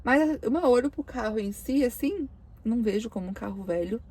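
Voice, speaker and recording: A woman's voice: on the high side, lively intonation, brisk, darkish tone. Chatty young woman, emotional vlog voice. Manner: chatty, emotional, lots of fillers and self-quoting. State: voice choked with emotion. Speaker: car vlogger. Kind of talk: casual Q&A vlog.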